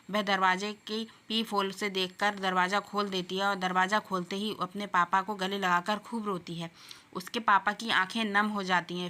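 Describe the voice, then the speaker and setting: A woman's voice: mid-range voice, sharp tone. A woman narrating an emotional moral story in an earnest reading voice.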